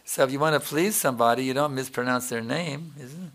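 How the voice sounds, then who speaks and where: A man's voice: medium pitch, fast, fairly bright tone. A man teaching as a spiritual teacher in a devotional question-and-answer talk, explaining patiently and chanting examples.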